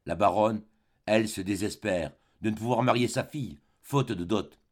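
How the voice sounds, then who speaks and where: A man narrating an audiobook of a classic novel in a measured, expressive literary reading. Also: on the low side. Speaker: audiobook reader.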